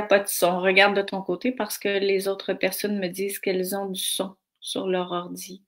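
A woman's voice: mid-range voice, vocal fry. A middle-aged woman with a Québécois French accent, hosting a live stream and chatting casually as she greets viewers by name from the comments. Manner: slow, warm greetings read from comments.

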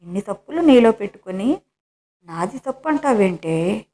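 A woman's voice: medium pitch, sing-song, moderate pace, warm tone, natural voice. Storybook husband, middle-aged, playful and coaxing, voiced by a woman reader. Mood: teasing. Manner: coaxing, mock-wounded teasing.

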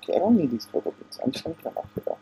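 A man's voice: a little high, sing-song, very fast, warm tone, slight background noise. A young man giving casual commentary as he plays a video game at home, talking to himself and getting easily annoyed. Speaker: gaming channel host. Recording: lo-fi home recording.

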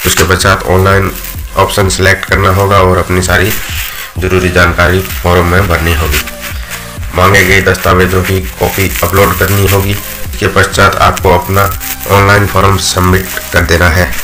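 Male explainer narrator, very low and monotone, read-aloud delivery, music bed underneath. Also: normal speed. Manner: steady read-aloud delivery with small slips. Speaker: channel narrator. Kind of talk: scripted voice-over explainer. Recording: voice-over with loud background music.

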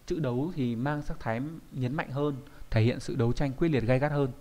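A man at a medium pitch teaches an online kanji lesson. He explains each word patiently and keeps pausing to ask his listeners whether they follow. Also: a little mellow. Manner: explanatory, with frequent checking tags. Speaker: Japanese teacher.

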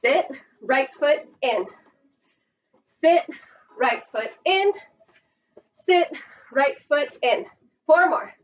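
A woman's voice: high-pitched, animated, drawn-out words, long pauses. A woman in her thirties working as an aerobics instructor, cueing an exercise class with counts and short commands. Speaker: aerobics instructor leading a barre workout. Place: carpeted indoor playroom at home. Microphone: far camera microphone. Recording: muffled, distant camera microphone.

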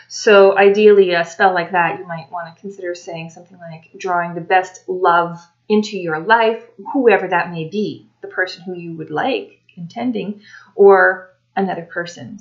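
A woman with a lowish voice talks casually to her camera, unhurried, filling pauses with ums and starting phrases over. The sound is dull and muffled, like a cheap home video. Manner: unhurried, many ums and restarts. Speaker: tarot reader and vlogger. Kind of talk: casual solo talk to camera.

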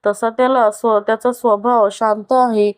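A woman's voice: a little high, little pitch movement, normal speed, clean tone, no room sound, natural voice. A woman voicing a modest, caring wife. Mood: reassuring.

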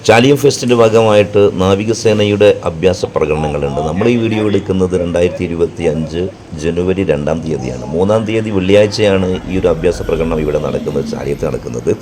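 Very deep-voiced Malayali man, halting vlog narration. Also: a crowd in the background. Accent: Kerala Malayali. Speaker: vlogger and narrator. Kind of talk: casual travel vlog narration. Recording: clear background noise, outdoor ambience.

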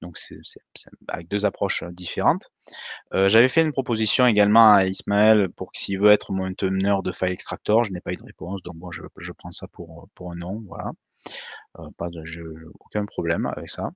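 A man's voice: low-pitched, steady tone, brisk, no room sound, muffled recording. A man in his thirties giving a meetup talk over slides on a webcam, hesitant with many fillers and restarts. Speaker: meetup presenter. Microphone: webcam on a video call.

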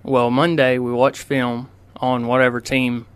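A teenage boy, a high school football player answering interview questions politely, with lots of ums and uhs. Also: little pitch movement, a little slow, clean tone. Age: teens. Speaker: high school quarterback guest. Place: radio studio.

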